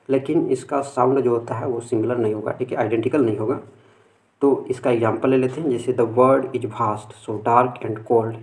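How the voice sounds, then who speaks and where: A man of ordinary mid pitch gives a rhyme lesson at an even, teacherly pace. He reads each sample line slowly and with care, then explains it, checking in with his students again and again. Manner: reads English lines slowly and deliberately, repeats "theek hai" often. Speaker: literature teacher. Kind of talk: classroom lecture mixing Hindi and English.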